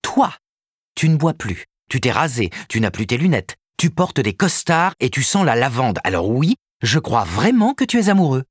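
A man voicing a sharp, probing woman literary agent in an audiobook. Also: mid-range voice, normal speed, husky, no room sound, studio quality, voice pushed up. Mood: teasing. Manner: probing, exasperated, animated.

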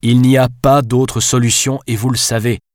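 A man's voice: fairly low pitch, moderate pace, darkish tone, no room sound, studio quality, close to an everyday voice. A man voicing a firm, commanding adult man who gives insistent orders.

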